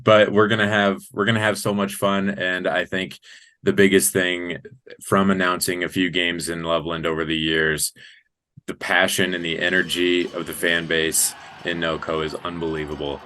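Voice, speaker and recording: A man in his thirties from Colorado, United States, with an American accent, is interviewed as a sports public-address announcer and talks enthusiastically and earnestly in conversation. His voice is low, with a flat delivery, moderate pace, and sharp tone.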